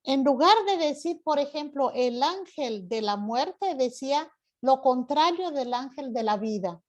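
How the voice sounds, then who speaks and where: High-voiced woman teaching a class. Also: expressive, a little slow, highs cut off. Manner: explanatory, asks rhetorical questions. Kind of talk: online class lecture. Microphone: video call.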